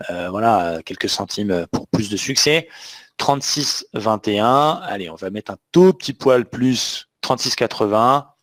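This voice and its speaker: A man's voice: on the low side, animated, a little slow. A man teaching a live online trading webinar, talking emphatically and often checking that the audience understands. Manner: emphatic, asks the audience questions. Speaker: trading trainer.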